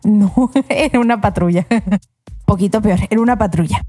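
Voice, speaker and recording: A woman's voice: mid-range voice, moderate pace, faint music behind. A woman telling a long anecdote in casual podcast chat, acting out the voices of the people in it. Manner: animated, acts out voices in her anecdote. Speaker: podcast co-host telling a story.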